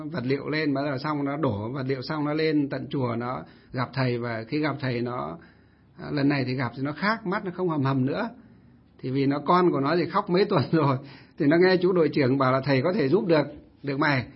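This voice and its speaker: A male Buddhist monk telling a story in a casual, lively way, often acting out what others said. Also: on the high side, a little fast, breathy edge. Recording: dull lo-fi recording.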